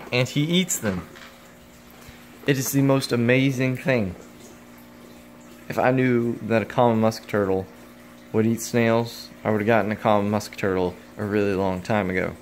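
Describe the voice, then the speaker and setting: A young man with a fairly low, steady voice speaking at normal speed casually vlogs about his pet reptiles indoors at home. He rambles, jokes, and talks to the animals, filmed on his phone camera with faint background noise.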